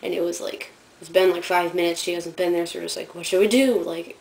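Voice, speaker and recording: Teen girl vlogging about school stuff, kinda low voice for a girl, giggly, lots of um and like. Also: monotone, brisk, gravelly, a little mellow, rough recording. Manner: giggly, rambling, lots of fillers. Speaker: student vlogger. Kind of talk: casual storytelling vlog.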